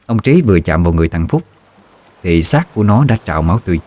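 A man narrating a ghost story in a measured storytelling voice. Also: sits low, big pitch swings, a little mellow, no echo.

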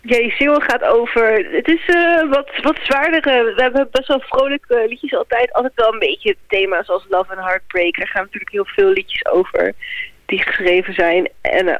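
A woman's voice: fairly high pitch, no echo. A woman from The Hague, a band musician, chatting enthusiastically as a guest in a casual radio interview, often restarting her sentences. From The Hague, Netherlands. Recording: slightly dull lo-fi radio sound.

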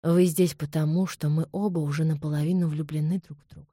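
A woman reading the part of a suave young Scottish gentleman who speaks softly and calmly. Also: fast talker, husky, dry recording, studio quality. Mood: velvety, calm. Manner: soft, low, velvety and calm.

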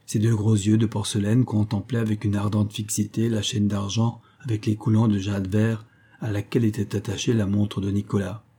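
A man narrating a classic adventure novel aloud in a steady storybook style. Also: lowish voice, moderate pace, breathy edge. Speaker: audiobook reader.

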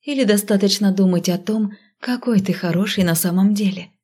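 A woman's voice: mid-range voice, fairly quick, slightly rough, close to an everyday voice. A woman playing a feisty, teasing heroine. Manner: bright, lively, teasing retorts. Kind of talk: audiobook reading.

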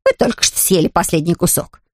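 A woman voicing a stern, sharp-tongued housekeeper who speaks curtly. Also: lowish voice, huge pitch swings, fairly quick, dry recording, studio quality. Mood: tart. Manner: curt, tart.

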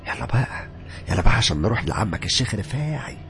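A man voicing a joking, superstitious young male coworker with an Egyptian accent, loud and excitable. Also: lowish voice, quick pace, vocal fry, slight background noise, voice pushed up, exaggerated voice. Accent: Egyptian Arabic.

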